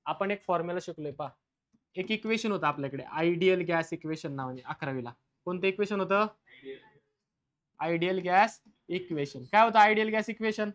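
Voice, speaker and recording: A male chemistry teacher with a Marathi accent, lecturing a classroom. He keeps asking the class questions and answering them himself, and dictates English definitions slowly. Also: sits high.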